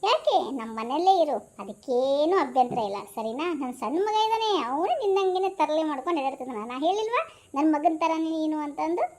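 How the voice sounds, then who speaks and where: A woman's voice: high-pitched, lively intonation, brisk, a little mellow. A woman playing a fussy, kind-hearted grandmother aunty in a comic skit, fond and scolding.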